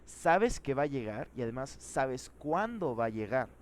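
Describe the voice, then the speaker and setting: A man's voice: medium pitch, very animated, moderate pace. A man teaching a live programming class, thinking aloud and asking the students questions.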